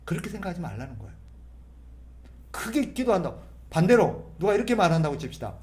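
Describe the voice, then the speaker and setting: A man preaching at a prayer meeting, his fairly high voice swinging widely between soft, prayer-like murmurs and emphatic bursts. He talks to the congregation as if chatting and answers his own rhetorical questions with force. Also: big pitch swings, fast talker. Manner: conversational preaching, often acting out sample prayers and voices. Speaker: pastor. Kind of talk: sermon at a Friday prayer meeting.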